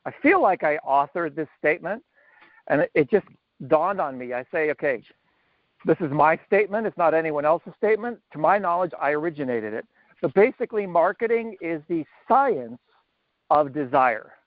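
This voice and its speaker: A male co-presenter explains marketing in a measured, deliberate way. His voice is slightly high. It comes through a tinny, phone-like line with a dry sound. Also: animated, no echo. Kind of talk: online lesson.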